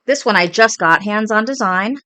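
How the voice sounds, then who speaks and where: A woman's voice: medium pitch, normal speed, no echo. Chatty Brooklyn woman showing her stitching. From Brooklyn, New York. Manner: chatty, rambling, excited about her stitching. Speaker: cross stitch vlogger. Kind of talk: casual show-and-tell chat.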